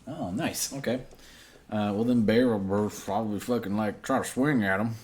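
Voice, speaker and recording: A man's voice: fairly low pitch, moderate pace, noisy background. A man running a tabletop game as game master, narrating the action loosely and jokingly with lots of fillers.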